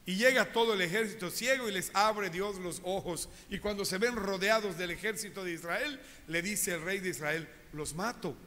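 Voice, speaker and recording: A man's voice: sits high, normal speed, hardly any pauses, pushed and bright. A man preaching a sermon as pastor, telling stories animatedly and addressing his congregation directly, in a reverberant church hall.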